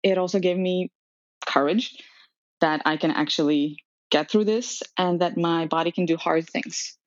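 A Serbian podcast guest in her thirties tells her story in a chatty manner, with frequent ums and laughs. She speaks at a measured pace in a lowish voice with fairly even intonation, and the dry, dull, lo-fi recording has no room sound.

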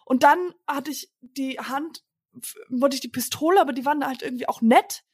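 This is a high, bright-voiced bank robber wife, played by a woman in an improv sketch. She rambles and babbles nervously in her chatty way. The scene is played for comedy, as a loose improvised sketch. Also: moderate pace, lightly acted. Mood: flustered. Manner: rambling, breathless and excitable.

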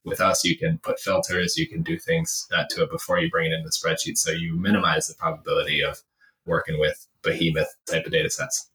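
Very deep and level, with a sharp edge, this man talks a little fast as an interview guest; he's a startup CEO who once led in finance. His style is conversational yet forceful and opinionated, hammering points through repetition, and the room sounds echoey.

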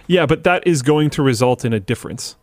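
A man's voice: a little high, animated, a little fast, darkish tone, dry recording, studio quality. A man co-hosting a casual talk show, rambling with many fillers and frequent laughs. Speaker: podcast co-host. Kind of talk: casual chat.

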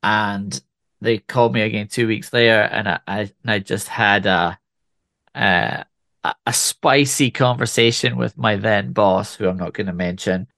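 Gravelly man in his forties, faint Scottish. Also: fairly low pitch, unhurried, no room sound. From Scotland. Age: 40s. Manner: relaxed storytelling with frequent restarts. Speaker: whisky ambassador guest. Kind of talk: conversational interview.

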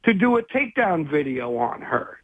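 High-voiced man on a tinny phone line. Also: very animated, moderate pace, slightly rough, dry recording. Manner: rambling and hesitant, many restarts. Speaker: guest investigative journalist. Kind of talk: phone interview chat.

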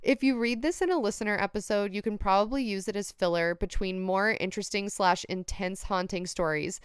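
A woman's voice: medium pitch, fairly quick, clear, resonant tone, dry recording, studio quality. A hungover woman co-hosting a podcast, chatting casually and reading listener emails aloud. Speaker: podcast co-host.

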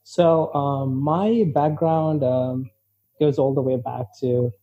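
A man's voice: medium pitch, slow pace, no room sound. A man from Sri Lanka, a guest in an interview, speaking hesitantly with many fillers. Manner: hesitant, many ums and likes. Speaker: guest, crypto company co-founder. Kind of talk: casual interview answers. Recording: dull, muffled call audio.

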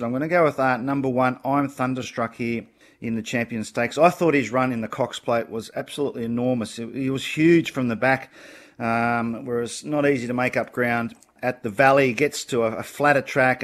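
An Australian man gives horse racing tips in casual panel chat. He sounds confident and opinionated, with a blokey, conversational delivery at an ordinary male pitch. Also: fairly bright tone.

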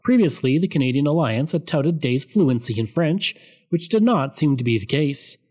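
A man giving a scripted, steady explanatory narration of political history. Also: fairly high pitch, normal speed.

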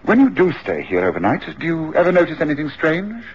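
Calm commanding detective, measured, reassuring, expressive pitch, muffled radio sound. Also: male voice, a little hiss or hum. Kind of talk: radio drama acting. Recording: muffled radio drama recording.

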